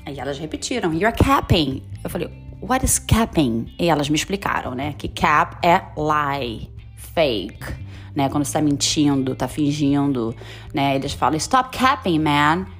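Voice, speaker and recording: A woman hosts a casual podcast lesson, chatting along and tossing in tag questions and English examples. Her voice sits somewhat low for a woman. Faint music plays behind her. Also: moderate pace. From Brazil. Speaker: podcast host teaching English slang. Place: lives in the United States.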